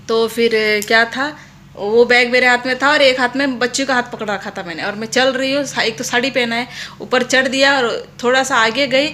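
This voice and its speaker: Chatty bright-voiced young Rajasthani Hindi woman. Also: a little high, slight background noise. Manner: chatty storytelling with many restarts. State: back pain. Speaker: vlogger. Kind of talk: casual chat to camera. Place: at home.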